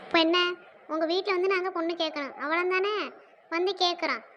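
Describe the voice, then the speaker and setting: A scolding, protective old village mother in a cartoon, voiced by a woman. Her southern Tamil village speech comes out very high and commanding. A faint hiss sits behind it. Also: fairly quick, a bit bright, lo-fi sound. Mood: soothing. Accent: southern Tamil village dialect. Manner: bossy, scolding, then soothing. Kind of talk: cartoon dialogue.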